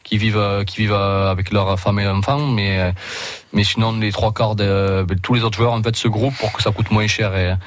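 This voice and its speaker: A man's voice: lowish voice, flat delivery, a little fast, slight background noise. A man in his thirties with a Roussillon French accent, a rugby league player talking casually as a radio guest, hesitant and full of restarts.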